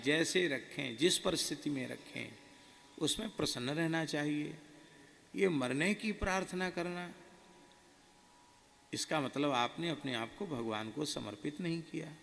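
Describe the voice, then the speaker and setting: Gravelly-voiced man giving a devotional sermon. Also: on the high side, fairly bright tone. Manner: slow, earnest, recounting in first person. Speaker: spiritual preacher. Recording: reverberant hall with faint noise.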